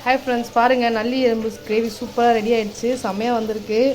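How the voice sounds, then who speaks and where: A woman's voice: on the high side, steady tone, fast, background noise. A woman hosting a casual cooking vlog and speaking directly to viewers. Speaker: cooking channel host.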